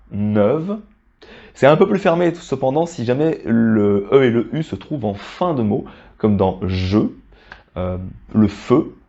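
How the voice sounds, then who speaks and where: A man calmly explaining pronunciation rules to learners, slowing down on the example words. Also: mid-range voice, dull audio. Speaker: French teacher.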